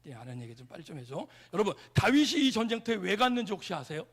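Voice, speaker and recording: A man preaching a lively revival sermon in a church. His voice sits high and swings widely in pitch, with a gravelly texture. He tells stories playfully and keeps asking the congregation questions. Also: fast. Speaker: pastor. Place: large church sanctuary.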